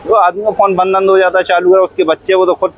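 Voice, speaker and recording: This cab driver's voice sits high and comes out flat and quick as he rambles through a long story, repeating himself and acting out quoted dialogue. He coughs frequently in this casual storytelling interview, and the audio is narrow and tinny.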